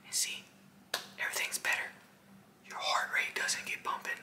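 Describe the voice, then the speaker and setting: A man in his twenties doing fast whispering ASMR, breathy and insistent, with clipped, repeated phrases aimed straight at the listener. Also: pushed and bright, roomy sound. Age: 20s. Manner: aggressive, insistent, clipped and repetitive, addressing the listener directly. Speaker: ASMR host. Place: small indoor room.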